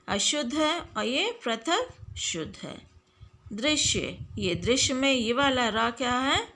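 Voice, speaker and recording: A woman's voice: a little high, pushed and bright. A woman teacher giving a lesson to students, stretching out words and asking quiz-style questions. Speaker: school Hindi teacher. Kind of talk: online classroom lesson.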